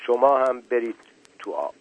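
Calm caring mother bird guiding her chicks, read by a male narrator, storybook. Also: medium pitch, narrow, tinny audio, natural voice. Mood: caring, solemn.

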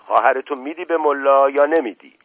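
A blunt, older village headman , put on by a man reading a radio story, pitched a little higher and louder than the narration. The voice has a husky edge. The recording is dull and lo-fi, with dry, close sound. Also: no echo, close to an everyday voice.

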